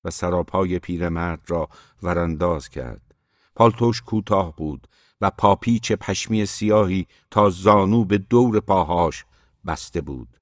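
Man narrator, audiobook, deep low voice, dry close recording. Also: no echo.

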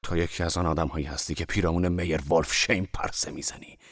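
A man's voice: low voice, fairly even intonation, fairly bright tone, slight background noise. A man voicing a harsh, contemptuous husband in an audiobook, with a cutting delivery.

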